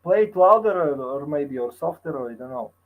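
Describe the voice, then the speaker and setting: A man teaching piano over a video call, halting and hesitant, often scatting rhythms on syllables to demonstrate. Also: fairly high pitch, animated, phone-quality sound. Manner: halting, hesitant speech that falls back on another language. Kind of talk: online music lesson.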